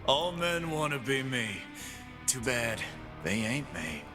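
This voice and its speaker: Taking it slowly in a very animated, medium-pitched voice, a man voices a cocky half-beast who runs fighting pits in a video game. He swaggers, brags and taunts like a tough brawler while game music plays behind the lines.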